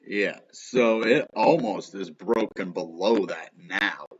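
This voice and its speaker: Offering live market commentary on his crypto vlog, a man with missing front teeth talks slowly in a low, slightly rough voice. He rambles casually, constantly dropping "like" and "you know," and the lo-fi audio is a bit dull.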